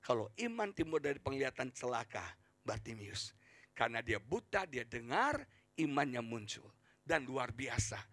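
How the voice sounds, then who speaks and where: A male pastor preaching a sermon with passion, swinging from shouts to hushed asides and repeating phrases for emphasis. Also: medium pitch, very animated, moderate pace, no room sound. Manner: impassioned, swings from shouts to near whispers; repeats phrases for emphasis, addresses congregation as "saudara".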